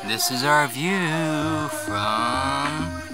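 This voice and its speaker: A man filming a casual travel vlog on a handheld camera, excitable and swearing freely, outdoors and at an open-air cafe. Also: fairly high pitch, drawn-out words, loud music behind the voice. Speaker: travel vlogger.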